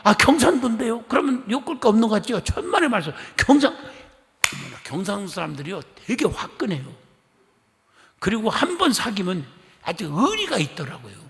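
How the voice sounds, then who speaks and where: A middle-aged man from Korea's Chungcheong region preaches in a church sanctuary. His voice sits high and gravelly, leaping up and down as he tells stories and acts out conversations. Long hall reverb trails every phrase. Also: wildly swooping pitch, normal speed, a bit bright. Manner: chatty storytelling, acting out dialogue; coaxing the congregation to respond. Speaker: pastor. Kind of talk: lively sermon.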